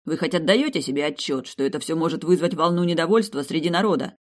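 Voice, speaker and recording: A man's voice: fairly high pitch, animated, lightly acted. A man reading as a coldly furious young emperor. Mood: cold anger. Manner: slow, measured, sarcastic rebukes. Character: young male emperor, cold and cutting. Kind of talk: audiobook character voice.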